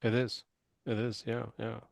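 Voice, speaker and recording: Slow, hesitant male interview host. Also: mid-range voice, completely flat delivery, gravelly, no echo, studio quality. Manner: hesitant, filler-heavy, thinking aloud. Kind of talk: friendly live interview.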